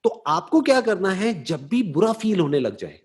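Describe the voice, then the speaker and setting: Male motivational speaker with a high register, measured and explanatory, mixes in English phrases. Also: sing-song. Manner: slow, deliberate explaining with rhetorical check-ins. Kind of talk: explanatory talk answering a listener.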